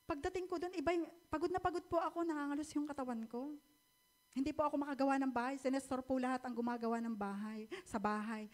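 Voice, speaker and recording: A woman's voice: sits high, steady tone, fast, darkish tone. A middle-aged woman telling her personal faith testimony to a church, in a polite, heartfelt storytelling way. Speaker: church member giving testimony.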